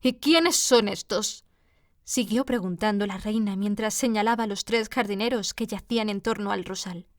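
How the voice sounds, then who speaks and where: A woman narrating a classic storybook with a steady, measured reading. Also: mid-range voice, no room sound, studio quality. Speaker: audiobook reader.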